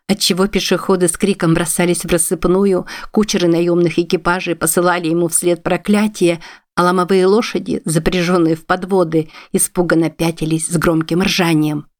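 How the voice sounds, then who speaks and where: A woman narrating a novel aloud in a steady, measured storytelling manner. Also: fairly low pitch. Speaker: audiobook narrator.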